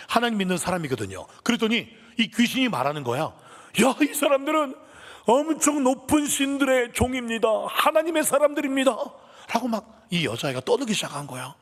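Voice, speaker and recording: A man's voice: mid-range voice, slightly rough. A male pastor telling a story in a sermon for all ages, asking the congregation questions and getting them to answer. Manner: animated storytelling with call-and-response to the congregation. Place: church sanctuary. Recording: echoey church hall.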